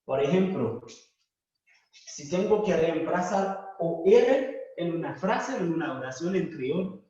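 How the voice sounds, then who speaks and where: Slow, deliberate man teaching in an echoey room. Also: a little high, big pitch swings, dark tone. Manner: slow, deliberate, repeats and spells out words. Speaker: language teacher. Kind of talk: classroom lesson. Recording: echoey room, distant mic, dull sound.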